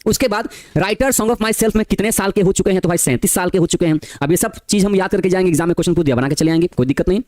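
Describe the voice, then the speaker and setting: A male teacher from Bihar, India, with a high but darkish voice and no echo, gives an exam-prep class lecture. He reads English verse slowly and explains the poem lines in Hindi, calling his students "bachche" and asking rhetorical questions.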